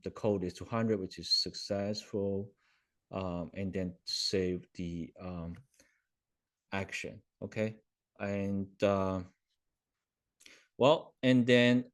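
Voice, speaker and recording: With a voice on the low side, a man hosts a webinar and talks through a live software demo by video call. Ums and self-corrections are frequent, and he regularly checks in with his audience.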